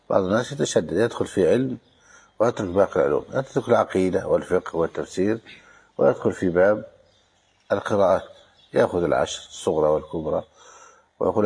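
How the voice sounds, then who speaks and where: An older man teaching as a sheikh, correcting a student's reading and giving measured, instructive advice. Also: sits low, creaky, a little mellow, slightly rough. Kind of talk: commenting and correcting a reader.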